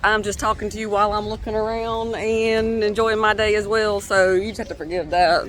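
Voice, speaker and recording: Chatty high-voiced man narrating outdoors. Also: little pitch movement, brisk, a bit bright, a little hiss or hum. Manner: unscripted, stammering, chatty. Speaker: vlog host. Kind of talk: casual walking-tour narration. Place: outdoors at a waterfront marina, walking.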